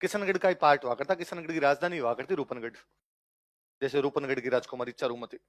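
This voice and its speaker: A man teaching history to exam students, repeating key lines in Hindi and then English for them to write down, and telling the story in a lively way while quizzing them. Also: medium pitch, fast talker, dry recording. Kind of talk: exam-prep lecture with storytelling.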